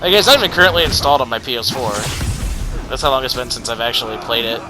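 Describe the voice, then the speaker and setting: A man talks casually over his game footage, rambling and circling back on himself. His voice sits at a middle pitch, with game music clearly audible under him. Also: lively intonation, fast talker, low-quality recording. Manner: rambling, many fillers and restarts. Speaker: gaming YouTuber. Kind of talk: casual gameplay commentary.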